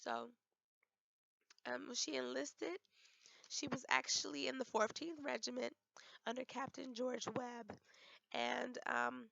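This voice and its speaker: A young woman, hoarse from a cold, giving a class presentation with frequent ums and restarts. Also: high-pitched, steady tone, sharp tone, no echo, highs cut off. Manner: halting, many ums and restarts. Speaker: student presenter.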